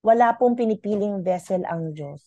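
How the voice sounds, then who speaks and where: Animated woman telling a faith story. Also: mid-range voice, normal speed, no echo, muffled recording. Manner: animated storytelling, Taglish code-switching. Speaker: radio guest.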